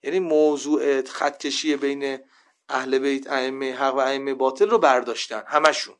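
A man teaching a religious class, reading out Arabic narrations and explaining them, with emphatic rises when he quotes. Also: medium pitch. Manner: lively storytelling, rising to loud emphasis when quoting. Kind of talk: religious lecture.

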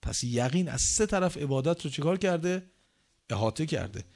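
A man preaching a sermon, full of rhetorical questions, with slow, measured recitation of scripture and strong swings in emphasis. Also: animated. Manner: emphatic swings in pitch and loudness.

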